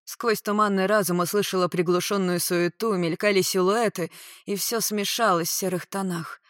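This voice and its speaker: A woman's voice: mid-range voice, steady tone, normal speed, no echo, studio quality. A woman narrating a first-person novel as an audiobook, with a tense, dramatic reading. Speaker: audiobook reader.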